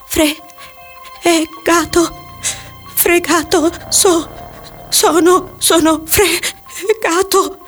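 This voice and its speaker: Woman reading as a young man in sobbing panic, stammering, pitched up high and pleading, from an audiobook. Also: steady tone, drawn-out words, pauses often, faint music behind, exaggerated voice. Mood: sobbing terror.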